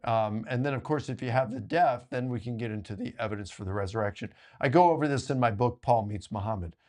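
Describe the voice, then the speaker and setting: A man talking as a guest author in a casual discussion, telling stories in an animated way with quick asides. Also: medium pitch.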